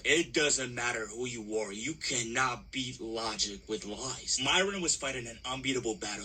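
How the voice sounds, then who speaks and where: A man's voice: mid-range voice, sharp tone, slight background noise, poor audio. Mocking male commentary host. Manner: mocking, insulting. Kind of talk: reaction commentary.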